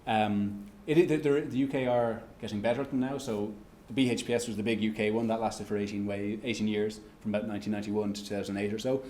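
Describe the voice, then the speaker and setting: An Irishman with a fairly low, steady, slightly mellow voice fields audience questions at an economics lecture, halting through restarts and fillers. The echoey lecture room carries slight background noise.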